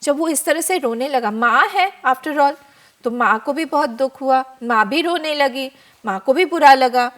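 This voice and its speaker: A woman spiritual teacher giving a devotional discourse on a TV program, her high voice carrying the story with lively warmth. She tells it as an animated storyteller who slips into the characters. The sound is clean studio audio. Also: unhurried. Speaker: spiritual teacher, guest expert.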